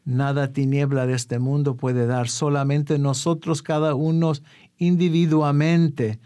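A male preacher delivering a sermon with fervor, his voice sitting fairly high for a man. He leans on rhetorical questions and pleads with his listeners. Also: little pitch movement, a little slow, dark tone, smooth.

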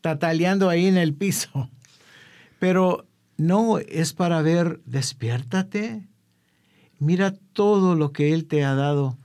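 A man's voice: on the high side, a little slow, darkish tone, clean tone. A man preaching a sermon, fervent and full of rhetorical questions.

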